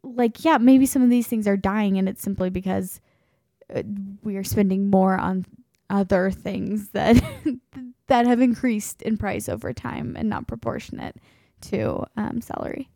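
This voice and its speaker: A woman's voice: medium pitch, measured pace, creaky, mellow, no room sound, clean studio sound. A young woman co-hosting a podcast in a chatty, casual way, full of fillers. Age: young adult. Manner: chatty, with frequent fillers and laughs. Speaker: podcast co-host. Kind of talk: casual chat.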